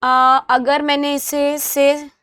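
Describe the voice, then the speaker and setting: A woman with an Indian accent teaching a grammar lesson, slow and careful in English and rapid in Hindi, spelling out letters and repeating example words. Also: high-pitched, flat delivery, fairly bright tone, dry recording, clean studio sound.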